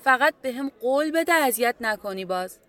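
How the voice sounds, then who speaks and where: A woman's voice: on the high side, expressive, fairly bright tone. A woman acting a firm, weary nurse in an audio drama, coaxing and then insisting with a difficult patient. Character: firm, weary female nurse in a psychiatric ward. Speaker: guest voice actor.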